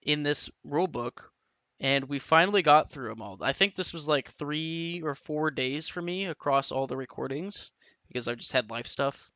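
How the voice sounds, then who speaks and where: Rambling man with a bright, crisp voice. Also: fairly high pitch, normal speed, no echo, muffled recording. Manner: rambling, with frequent restarts and "like". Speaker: tabletop and larp rules reviewer. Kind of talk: casual unscripted rant to camera. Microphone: camera mic.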